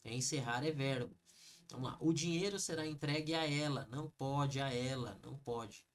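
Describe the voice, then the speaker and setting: A man's voice: mid-range voice, moderate pace. A man with a Brazilian Portuguese accent teaching an online exam review lesson, explaining each answer step by step and talking straight to the viewers. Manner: lively, explains step by step, addresses viewers as "gente".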